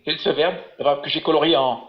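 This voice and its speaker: A man's voice: fairly high pitch, fairly even intonation, fast. Man teaching over an echoey video call. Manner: patient, encouraging, explains step by step. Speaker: biblical Hebrew teacher. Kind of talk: online class, teaching. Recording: echoey room, dull webinar audio.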